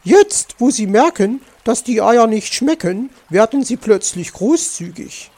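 Male reader doing a sassy, shrill magpie woman for a kids' audiobook, creaky edges. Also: very animated, normal speed, exaggerated voice. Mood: cheeky. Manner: shrill, cheeky, scolding. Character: sharp-tongued female magpie. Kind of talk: children's audiobook.

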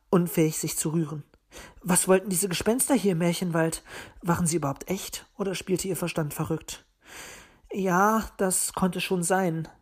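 A woman narrating a children's story audiobook in a calm, measured reading. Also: fairly low pitch.

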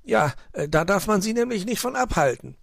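A man's voice: sits high, big pitch swings, brisk, creaky, dry recording, clean studio sound, pitched above the performer's own voice, exaggerated voice. A man voicing a sly, fibbing fox uncle in a children's story, stammering out excuses. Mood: grumbling.

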